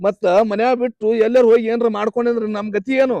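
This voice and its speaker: A man's voice: very high-pitched, flat delivery, fast, dark tone, dry recording, dull audio. A young man playing a boyfriend in a comedy skit, pleading and insistent, with a North Karnataka Kannada accent. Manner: pleading, insistent, repeats promises.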